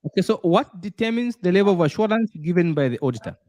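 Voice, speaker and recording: Male tutor, slightly high voice, dry close sound, explains patiently and repeats points. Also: expressive, quick pace, a little mellow, dry recording. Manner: repeats points, frequent "uh" fillers. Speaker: auditing tutor quizzing a student. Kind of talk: explanatory lesson with worked examples.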